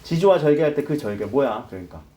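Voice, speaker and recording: This middle-aged man talks fast in a mid-range voice, giving a classroom lecture on literature. He stays lively, explaining terms and quizzing students frequently throughout.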